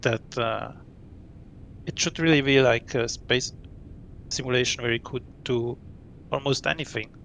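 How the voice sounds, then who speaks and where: In a laid-back interview, this gravelly-voiced guest from Switzerland, in his late 30s, comes across as thoughtful and relaxed. He laughs often between his points and stops now and then to remember details, with a faint rumble in the background.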